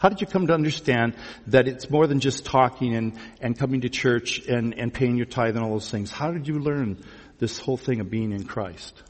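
This pastor speaks at normal speed in a mid-range male voice, addressing a congregation in a large church room. His sermon is conversational, full of teasing questions and repeated phrases, and the audio carries a reverberant hall quality.

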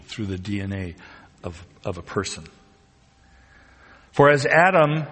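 A man's voice: medium pitch, a bit bright, in a large hall. A man preaching a sermon, talking conversationally and rising to emphatic peaks. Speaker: pastor.

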